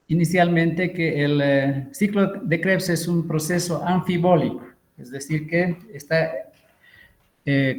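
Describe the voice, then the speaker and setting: A middle-aged man, giving an online lecture and explaining with pauses and fillers. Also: fairly high pitch. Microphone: computer mic on a video call.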